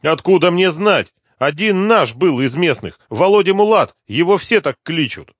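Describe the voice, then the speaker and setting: A man reading an audiobook, voicing a frightened, whining male drug addict with a high, pleading voice. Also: lively intonation, moderate pace, a bit bright, slightly rough, no room sound, studio quality. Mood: agitated rambling.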